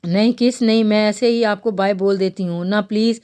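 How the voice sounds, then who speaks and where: A woman voicing a timid, childlike young woman who pleads softly, in a romantic novel read aloud. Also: mid-range voice, fairly even intonation, clear, resonant tone, close to an everyday voice. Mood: pleading. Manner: soft, pleading.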